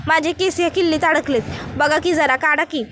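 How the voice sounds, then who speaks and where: An outspoken young village wife, as a woman storyteller puts her on, coaxing and insistent in rustic country speech. The voice sits high and bright, with a faint hiss of noise underneath. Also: steady tone, moderate pace. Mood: pleading, insistent.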